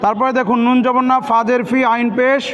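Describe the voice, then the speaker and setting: A man's voice: very high-pitched, level tone, fairly quick, a crowd in the background. A man teaching children a pronunciation lesson, spelling letters and repeating each word, and asking questions before answering them himself. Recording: dull lo-fi with loud noise.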